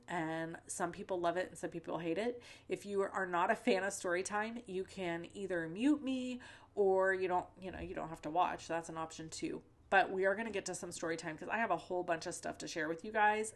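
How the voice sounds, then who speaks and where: A middle-aged woman who runs a card-making channel talks her way through a crafting tutorial at home, drifting into personal stories and asides and filling pauses with ums and likes. Her voice sits a bit low for a woman and is slightly stuffed up from the tail end of a cold.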